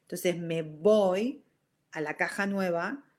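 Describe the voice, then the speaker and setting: A woman's voice: lowish voice, takes it slowly. A middle-aged woman with a Rioplatense Spanish accent, hosting a show and telling a personal story in a casual monologue, mixing in English words. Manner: animated, slips into English words. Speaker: show host.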